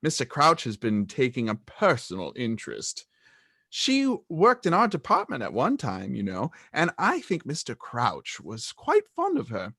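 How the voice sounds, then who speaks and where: A man's voice: mid-range voice, huge pitch swings, unhurried, gravelly, bright, forceful tone, breathy edge, no echo, studio quality, exaggerated voice. A man reading the part of a pompous young male wizard official with a self-important, emphatic delivery, in an amateur group read-aloud.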